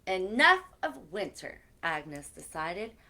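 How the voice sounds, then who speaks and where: A woman hosts a children's story time, reading aloud with lots of expression and chatting straight to her young listeners in animated asides. Her mid-range voice is sing-song, slow, bright and pushed.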